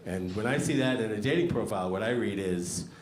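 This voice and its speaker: In an echoey club full of audible background noise and crowd laughter, a man performs wry, conversational observational comedy. He talks fairly quickly with a fairly low pitch.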